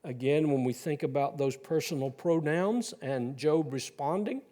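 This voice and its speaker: A man's voice: on the high side, normal speed, mellow. A man preaching a sermon as pastor of a church, voicing scripture with sarcastic asides.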